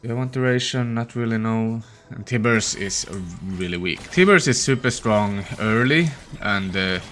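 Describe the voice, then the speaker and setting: A man hosting a gaming channel, giving casual, tired, low-energy commentary as he thinks aloud while playing. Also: expressive, normal speed, fairly bright tone, soft background music. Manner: opens with a put-on peppy intro voice.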